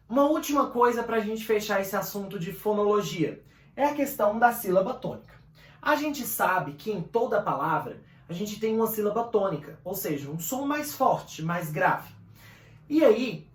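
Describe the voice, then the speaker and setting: A woman's voice: medium pitch, echoey room. A woman with a Brazilian Portuguese accent teaching a grammar lesson at a board, explaining step by step and often checking that students follow. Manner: explanatory, checks in with frequent "beleza?" and "tranquilo?".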